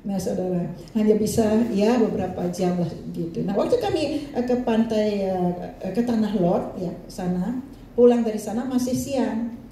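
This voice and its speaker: A woman's voice: medium pitch, animated, moderate pace, warm tone, recorded from a distance. An older woman pastor preaching a storytelling sermon, chatty and often turning to speak straight to her congregation. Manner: chatty, keeps addressing the congregation. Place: church hall. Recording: roomy echo, voice from off-mic.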